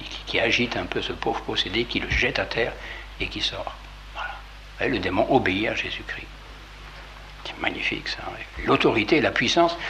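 A man preaching in a relaxed, conversational manner, repeating words and sliding down into hushed whispers to stress a point. His voice sits at an ordinary middle pitch, with a faint hiss of noise behind him. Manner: conversational, repeats phrases, drops to near-whispers for emphasis. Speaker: priest. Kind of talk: informal sermon.

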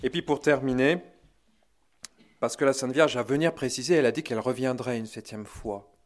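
Man telling a miracle story, animated. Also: mid-range voice, normal speed. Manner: lively, dramatic retelling with chuckling asides. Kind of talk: religious storytelling talk.

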